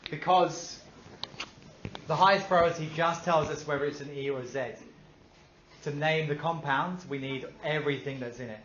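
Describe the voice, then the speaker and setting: Here an upbeat man teaches a class, asking questions and complimenting the students' answers. He speaks at a moderate pace in a slightly high, somewhat bright voice with fairly level intonation. Faint hiss or hum sits under a dull, echoey classroom recording.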